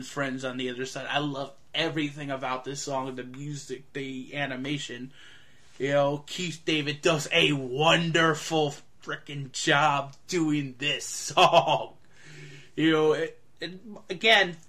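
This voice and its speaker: A man's voice: on the high side, sharp tone. A man giving a casual review monologue about a film. He talks with enthusiasm, rambles, and leans on fillers. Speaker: movie reviewer.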